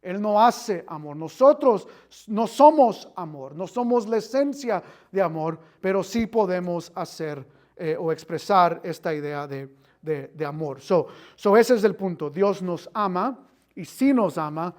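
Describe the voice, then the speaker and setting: Slow, questioning Bible class teacher. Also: medium pitch, lively intonation, darkish tone. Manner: quizzes the listeners with questions and repeats phrases; mixes in English filler words.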